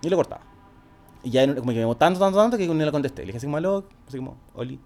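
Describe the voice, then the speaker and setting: A man's voice: mid-range voice, expressive, very fast, darkish tone. A young man with a Chilean accent, telling a personal story in casual, slangy chat and acting out quoted speech. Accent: Chilean Spanish.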